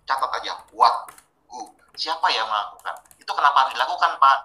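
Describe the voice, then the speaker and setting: In a lively, casual training webinar, a man speaks fairly quickly in a mid-range voice and asks his audience questions straight out. The rough recording is reverberant.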